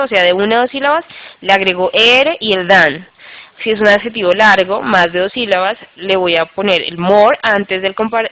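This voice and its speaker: A woman's voice: medium pitch, a bit bright, dry recording, rough recording. Woman teaching grammar in an online class. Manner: patient, repeats rules and checks with "listo?". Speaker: English teacher. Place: online class by video call.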